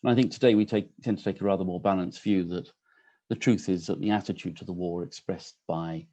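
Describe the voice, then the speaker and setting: A man's voice: deep voice, fairly even intonation, a little fast, dark tone, dull audio. A man in his sixties hosting an online poetry reading from his home kitchen over a video call, speaking casually with many ums and restarts. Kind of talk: casual welcoming remarks. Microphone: computer on a video call.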